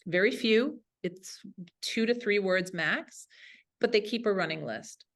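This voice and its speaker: Speaking at a medium pitch and a measured pace, a female language teacher walks colleagues through a webinar. She comes across as eager and informal.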